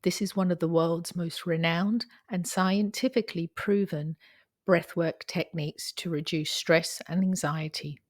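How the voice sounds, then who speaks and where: A woman guiding a breathing exercise as an instructor, counting and giving instructions in a measured way. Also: on the low side, fairly even intonation. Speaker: breathwork guide.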